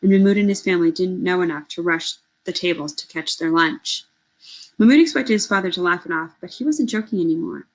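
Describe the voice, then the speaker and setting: A woman reading a novel aloud in an expressive, earnest way, with occasional self-corrections. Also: fairly low pitch, a little fast, poor audio. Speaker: reader.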